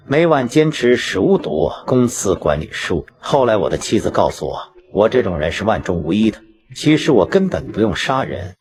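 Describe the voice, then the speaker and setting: A man's voice: lowish voice, darkish tone. A man delivering a scripted first-person story in a cocky, self-assured way, as a gangster recounting his career. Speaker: video narrator speaking as a crime drama gangster.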